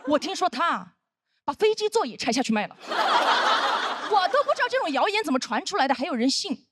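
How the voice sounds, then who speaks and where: A woman in her thirties performing a stand-up comedy set on stage, telling stories with animated acted-out voices. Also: sits high, brisk, heavy background noise. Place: comedy stage with live audience.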